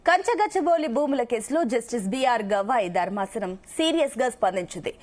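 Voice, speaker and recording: A woman anchoring a morning news debate, reading a brisk formal opening, then putting long questions to the panel. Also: fairly high pitch, animated, darkish tone. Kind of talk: studio news debate hosting.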